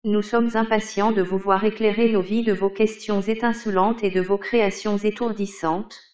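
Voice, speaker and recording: A woman's voice: medium pitch, steady tone, moderate pace, a little mellow, dull audio. Roomy synthetic female computer voice. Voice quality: synthetic computer voice, like an older desktop speech synthesizer. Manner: mechanical, evenly read phrasing. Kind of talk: text-to-speech reading of written French text.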